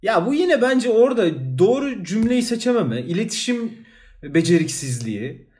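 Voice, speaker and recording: A man co-hosts a relaxed talk show with a notably high voice that rises and falls a lot. He mostly adds short, playful agreements and brief opinions. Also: normal speed. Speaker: podcast co-host. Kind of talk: casual podcast chat.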